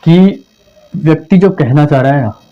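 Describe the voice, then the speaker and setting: On a dull, lo-fi home recording, a man with a higher-leaning voice speaks at a moderate pace. As a teacher giving a relaxed exam-prep lesson, he repeats points and acts out phrasings to demonstrate their meaning.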